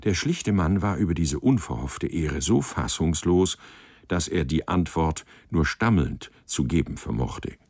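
A man narrates a literary story with measured expression. His voice is very deep and moves through a lively pitch range. The recording is dry with no room sound. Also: husky, no echo.

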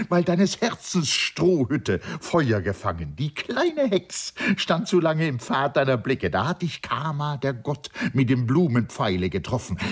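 A man's voice: mid-range voice, husky. A man voicing an exuberant, mocking young friend who teases in a sing-song way, in an audiobook. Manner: teasing, jubilant, sing-song. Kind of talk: audiobook character voice.

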